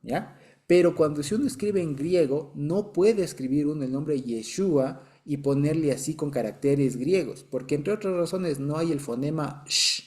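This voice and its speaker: A man's voice: on the high side, normal speed, a little mellow. A man with an Ecuadorian accent teaching a Bible study, explaining patiently, checking that listeners follow and chuckling now and then. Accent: Ecuadorian Spanish. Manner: explanatory, keeps checking understanding.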